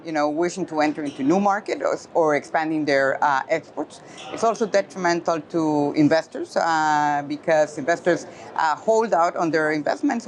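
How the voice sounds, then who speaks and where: A woman from Costa Rica, a trade policy expert, answering interview questions in a measured, explanatory way with frequent pauses. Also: low voice, a little hiss or hum. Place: trade symposium in New York.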